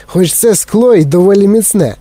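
A man's voice: sits high, animated, moderate pace, mellow, pitched above the performer's own voice. Willy Wonka, a man doing a giddy gushing showman. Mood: cheerful. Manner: gushing, breathless, exclamatory. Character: giddy eccentric male candy-factory owner.

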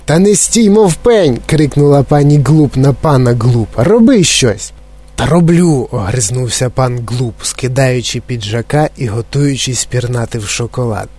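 Mellow male storybook narrator. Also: medium pitch. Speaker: audiobook narrator.

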